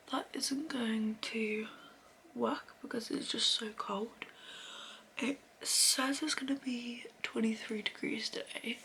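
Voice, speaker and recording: A young British woman whispers her way through a casual vlog, her hushed voice carrying a gravelly, fry-laden edge. She rambles in a friendly, chatty way, and a clear hiss of background noise sits under the recording. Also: on the high side. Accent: British English. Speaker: vlogger. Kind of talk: whispered casual day-in-the-life chat. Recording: noisy home recording.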